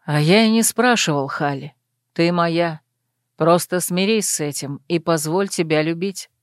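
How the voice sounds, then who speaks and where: A woman reading an audiobook and voicing a confident male werewolf lover, calm and assured. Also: fairly low pitch, measured pace, no room sound, studio quality, voice pushed down, natural voice.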